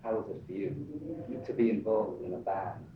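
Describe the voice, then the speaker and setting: A man hosting a podcast, asking questions haltingly with frequent hesitations. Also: lowish voice, steady tone. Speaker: podcast host. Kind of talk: interview questions. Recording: distant, roomy, dull mic with clear background noise and birds.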